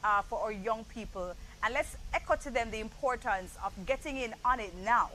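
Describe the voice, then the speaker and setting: A woman's voice: fairly high pitch, normal speed, bright, forceful tone, slight background noise, rough recording. A middle-aged Jamaican woman hosting an outdoor panel interview, chatty and enthusiastic, on a lapel mic. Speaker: panel host. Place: outdoor garden set.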